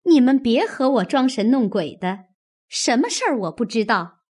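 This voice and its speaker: A woman voicing a proud, sharp-tongued young maid with a tart, biting manner. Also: fairly high pitch, sing-song, moderate pace.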